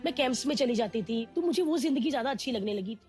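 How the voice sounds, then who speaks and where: A woman with a fairly high voice tells a candid personal story. She talks in an animated way and slips into the voices of people she quotes. Faint music plays under her voice. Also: quick pace. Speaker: guest.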